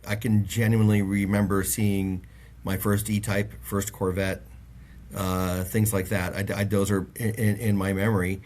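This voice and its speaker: A middle-aged man from the Bahamas, a guest from the auto industry, speaks at normal speed in a deep, level, slightly mellow voice. The interview is casual, and his long stories ramble along with plenty of fillers and restarts.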